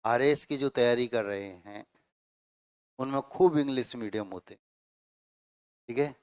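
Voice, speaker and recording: A man's voice: medium pitch, smooth, dry recording, clean studio sound. Man teaching Hindi grammar in class. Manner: explains slowly with repeated phrases and checks like 'theek hai'. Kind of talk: classroom lecture.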